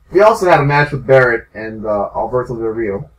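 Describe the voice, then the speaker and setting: A man's voice: medium pitch, lively intonation, normal speed. Young guy on a wrestling podcast, laughs a lot, sounds a bit far from the mic. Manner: laughs often, leads segments. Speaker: podcast co-host. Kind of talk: casual wrestling chat. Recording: roomy mic from a distance.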